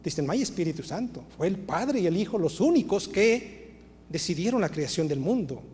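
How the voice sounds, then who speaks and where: A man's voice: high voice, sing-song, moderate pace, darkish tone. Spanish-speaking man lecturing in an echoing hall. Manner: reads out quotations and explains them methodically. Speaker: Bible lecturer. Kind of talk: church doctrinal lecture. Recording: long hall reverb.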